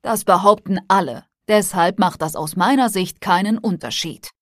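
A woman's voice: medium pitch, normal speed, dry recording, clean studio sound, lightly acted. A woman reading a stern, dismissive security guard. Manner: firm, dismissive, raised voice. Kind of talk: audiobook character voice.

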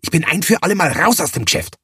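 A harsh, agitated man snapping in a loud whisper, as a storyteller puts him on, his voice jumping well above the narrator's own. The tone is husky, recorded close and dry. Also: on the high side, big pitch swings, quick pace, no room sound, far from the mic, pitched above the performer's own voice, full character voice. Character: irritable man fending off a pest.

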